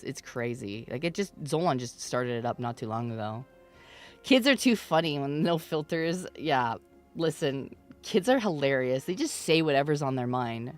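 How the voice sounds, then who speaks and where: A woman in her thirties with a bass voice hosts a live stream, chatting casually with her viewers. She teases them, laughs often, and breaks into loud mock protests.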